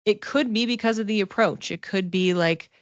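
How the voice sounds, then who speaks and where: A psychic reader gives a casual one-to-one card reading, speaking conversationally and haltingly as she thinks aloud and circles back over phrases. Her voice is mid-range, with no echo, though the recording sounds muffled.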